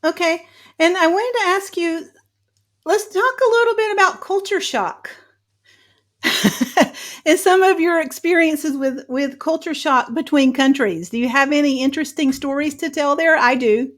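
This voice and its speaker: A woman's voice: high-pitched, moderate pace, a bit bright. A woman hosting an interview, chatty and upbeat as she asks questions. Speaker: host. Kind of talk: casual interview chat.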